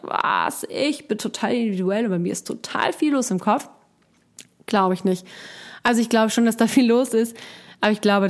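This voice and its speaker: An encouraging woman speaks directly to her listener in a casual motivational talk. Her voice sits at a middle pitch for a woman. She is chatty and coach-like and often breaks off to restart a phrase. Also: darkish tone.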